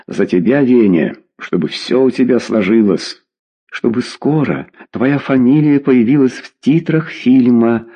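A man's voice: medium pitch, measured pace, warm tone, slightly rough. A man reading aloud, voicing a shy young woman colleague who toasts hesitantly and sounds worn out. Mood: sentimental. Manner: hesitant, sentimental.

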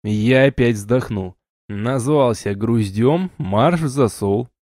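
A man's voice: mid-range voice, takes it slowly, darkish tone, no echo, studio quality. A man narrating a fantasy audiobook in the first person, with a wry, ironic tone.

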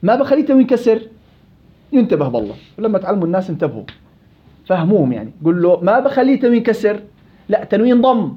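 A man teaching a live Quran recitation class in Levantine Arabic, questioning students and drilling examples slowly and repeatedly. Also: high-pitched, big pitch swings, highs cut off.

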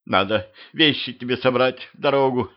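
A man's voice: medium pitch, moderate pace, voice pushed up, close to an everyday voice. A man voicing a wailing, fussy middle-aged wife in a humorous audiobook, raised and lamenting. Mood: fussing. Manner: lamenting, fussing. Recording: muffled lo-fi home recording.

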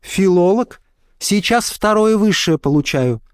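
A man's voice: high voice, animated, unhurried, smooth, dry recording, clean studio sound, pitched above the performer's own voice. A man voicing a timid young woman at a job interview who answers in short, shy replies.

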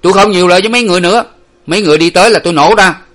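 Man voicing a harsh male guard, storybook, barking orders, loud, raised pitch. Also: racing. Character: gruff hidden male guard, harsh and impatient.

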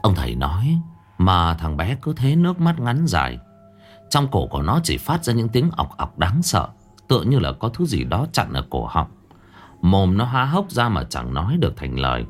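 A man narrating a ghost story in a dramatic, expressive way. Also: low-pitched, normal speed. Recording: faint background music under narration.

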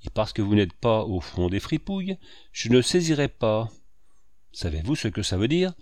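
A man's voice: lowish voice, expressive, moderate pace, a little mellow, dry recording, studio quality. A man reading the part of a stern, scornful middle-aged landlord in curt, contemptuous lines. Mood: exasperated.

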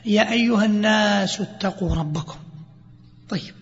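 A man teaching a grammar lesson to students, quizzing them with lively questions. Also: sits high, moderate pace. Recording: dull lo-fi recording with hall reverb.

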